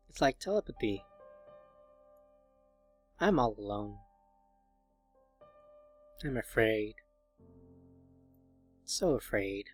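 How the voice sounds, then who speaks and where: A man reading a lonely schoolgirl's inner thoughts. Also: medium pitch. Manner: quiet, confessional inner monologue. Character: lonely, fearful teenage schoolgirl narrator.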